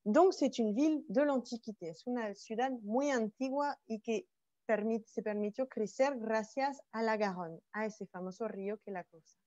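A woman's voice: fairly high pitch, moderate pace, warm tone, no room sound, muffled recording. A woman from France teaching a bilingual online class, explaining each French phrase again in Spanish.

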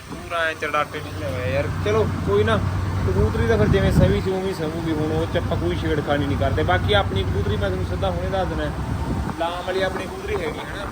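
Heavy background noise surrounds a fairly high-pitched male voice with a Malwai Punjabi accent. A pigeon keeper vlogging casually to camera, he chats and jokes about his birds while talking to the boys and pets nearby.

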